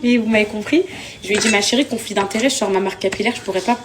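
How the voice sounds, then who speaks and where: A woman's voice: medium pitch, steady tone, racing, noisy background. A tired young woman in casual vlog chat, venting and exasperated, often repeating herself. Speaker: vlogger. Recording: household clatter behind.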